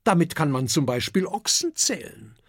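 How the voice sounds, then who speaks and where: A man's voice: fairly high pitch, big pitch swings, moderate pace, creaky, no room sound, studio quality, exaggerated voice. A man voicing a small, clever young male fire dragon who explains things eagerly, in a children's audiobook. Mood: eager explaining.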